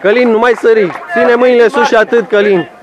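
High-pitched man barking sideline instructions. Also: fairly even intonation, muffled recording. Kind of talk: shouting from the sideline. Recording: noisy live crowd. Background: crowd chanting at a match.

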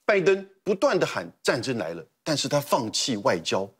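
Husky, lively-voiced man arguing politics. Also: medium pitch, moderate pace. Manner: argumentative, emphatic repetition. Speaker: political commentator guest. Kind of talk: heated political commentary. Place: TV studio.

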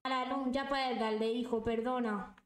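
A woman's voice: fairly high pitch, fairly even intonation, normal speed, reverberant, rough recording. Angry ranting young woman streamer. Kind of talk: casual live-stream chat.

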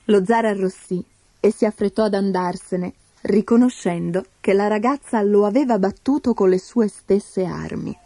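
Warm-voiced woman telling a fairy tale. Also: mid-range voice, normal speed. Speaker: storyteller.

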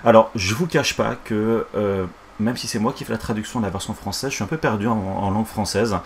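Low-voiced lisping Frenchman with slushy s. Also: fairly quick. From France. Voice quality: lisp, slushy s from a broken tooth. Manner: informal, hesitant, explanatory. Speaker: software instructor and streamer. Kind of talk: casual live tutorial. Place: small home office, indoors. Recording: clear fan noise behind voice. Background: whirring fan.

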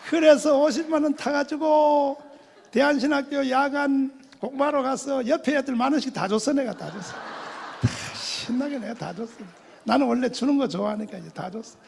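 Older guy pastor telling his testimony, high raspy voice, lots of hall echo, acts out the voices. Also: moderate pace, a little hiss or hum. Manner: animated storytelling, acting out quoted voices, laughing often. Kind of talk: testimony sermon. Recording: long hall reverb.

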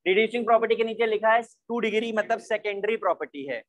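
A man's voice: high-pitched, fast, poor audio. A man teaching a chemistry class from India, explaining step by step and mixing English terms into his talk. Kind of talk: online class lecture.

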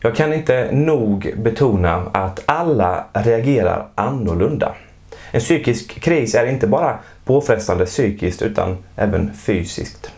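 A man giving calm, measured scripted narration for an educational explainer video. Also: medium pitch.

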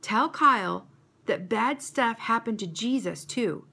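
A woman's voice: on the high side, expressive, slow, creaky, sharp tone, husky, voice pushed up, heavily acted. A woman voicing an earnest, unsure young schoolboy in a storybook reading.

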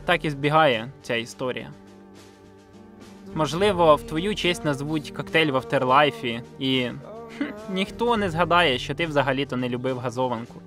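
A man with a voice on the high side and a bit bright narrates a scripted video essay at normal speed. His tone is reflective and sentimental, sprinkled with casual slang and some swearing, with music playing behind him.

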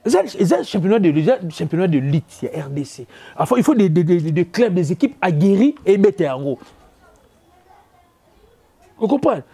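A man's voice: high-pitched, very animated, vocal fry, mellow, slightly rough. A man with a Congolese French accent giving an emphatic, repetitive opinion rant on local football, slipping back and forth between languages. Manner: emphatic, repetitive, rapid code-switching. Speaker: football commentator.

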